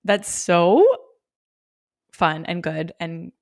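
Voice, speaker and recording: A woman's voice: on the low side, steady tone, takes it slowly, vocal fry, no room sound, studio quality. A young woman co-hosting a podcast, chatting casually, laughing often and filling her talk with "like". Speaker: podcast co-host. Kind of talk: casual chat.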